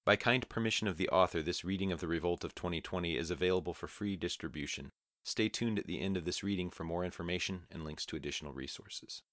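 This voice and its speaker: Very deep-voiced male audiobook narrator. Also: no echo, studio quality. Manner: measured, even reading. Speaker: audiobook reader. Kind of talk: scripted narration.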